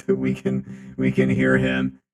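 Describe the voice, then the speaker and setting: Guy streaming thru a booming metallic robot voice changer, super deep, draggy slow, keeps repeating himself. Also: completely flat delivery. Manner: rambling, repeats phrases over and over. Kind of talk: casual live-stream chat.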